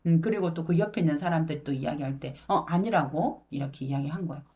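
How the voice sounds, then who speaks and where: Woman going thru a bible passage slowly, low mellow voice, halting, explains each word. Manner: explains verse words, paraphrases them into everyday talk; halting, unhurried delivery. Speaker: Bible teacher. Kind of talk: Bible lesson in a sermon tone.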